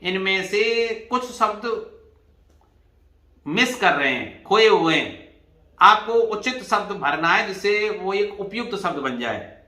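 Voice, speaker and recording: A man's voice: sits high, lively intonation, slow pace, pushed and bright, reverberant. A man teaching an exam revision lesson, explaining patiently and spelling words out letter by letter. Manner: addresses students as "bhai".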